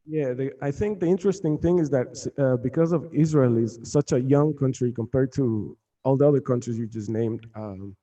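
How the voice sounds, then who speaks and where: Very dark-voiced man, halting speech. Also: medium pitch, dull audio. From Mexico. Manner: halting, many fillers and restarts. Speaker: guitarist and band member. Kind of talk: casual interview answers. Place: room in Jerusalem.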